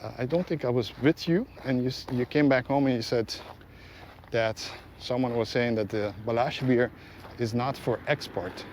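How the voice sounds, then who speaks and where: Strolling along a road, this man hosts an outdoor walking vlog and rambles casually as he goes. His voice sits at a medium pitch, a little mellow, at a normal speed, with faint ambient sound and vehicles in the background.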